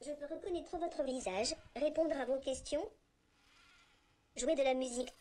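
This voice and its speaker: A small, polite humanoid robot gives a scripted text-to-speech self-introduction in a high, chirpy synthetic female voice, rattling through it evenly and mechanically at a moderate pace. The obviously machine-made voice plays from the robot's own speaker on a conference stage.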